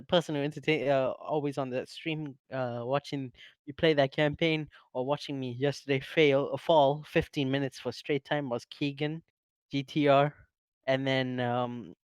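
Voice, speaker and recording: A man's voice: medium pitch, steady tone, moderate pace, clear, resonant tone, no room sound. A man who streams, chatting casually with slang and swearing. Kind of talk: casual chat.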